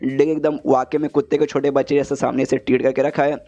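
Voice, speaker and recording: A man's voice: medium pitch, level tone, fast talker, mellow, muffled recording. A man retelling a comic story in a chatty, casual way, calling the listener "brother" again and again. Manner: chatty, says "bhai" in nearly every line. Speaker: manhwa recap narrator.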